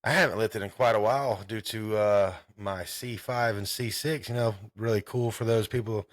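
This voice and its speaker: A man's voice: lowish voice, steady tone, moderate pace, no echo, clean studio sound. Laid-back profane man in his thirties. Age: 30s. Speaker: podcast host. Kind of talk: casual sports chat.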